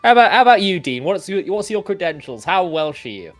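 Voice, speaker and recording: A man's voice: high-pitched, very animated, quick pace, dry recording. An English man hosts a casual livestream, rambling and self-deprecating as he restarts his sentences. His voice sounds dry and close to the mic. Faint music plays behind him. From England. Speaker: host.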